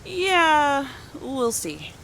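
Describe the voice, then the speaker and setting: A busy mother in her forties from a small town for a video game. She speaks curtly and dryly, letting sarcasm slip into her words, and her pitch swings up and down a lot. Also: big pitch swings, drawn-out words, fairly bright tone, slight background noise, heavily acted. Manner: dry, curt, sarcastic.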